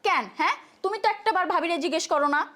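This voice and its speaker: A woman's voice: extremely high pitch, racing, sharp tone. A woman playing an exasperated pregnant young daughter. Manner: exasperated, lecturing, argumentative. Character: exasperated pregnant young daughter defending her sister-in-law.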